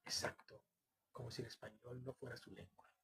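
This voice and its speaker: A man's voice: mid-range voice, fairly even intonation, normal speed, creaky, fairly bright tone, husky, heavily acted. A man reading a distraught grieving mother. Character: distraught mother, middle-aged woman, grieving and self-reproaching.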